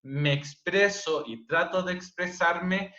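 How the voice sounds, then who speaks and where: A man with a Chilean accent teaching an online class, speaking loudly and checking in with tag questions. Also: high-pitched, slow pace. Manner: loud, frequent "¿cierto?" tag questions. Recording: dull, roomy online-class audio.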